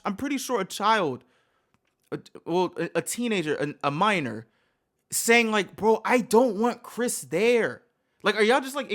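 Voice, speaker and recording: A man's voice: very high voice, sharp tone. A man hosting a reaction video, talking casually in a heated, rambling way, swearing often and restarting his sentences.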